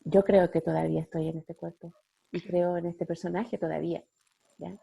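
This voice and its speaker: A middle-aged woman giving a gentle spiritual talk to a group, often checking in with her listeners. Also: on the low side, level tone, creaky, slightly rough. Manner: gentle, slow, with frequent "¿ya?" checks.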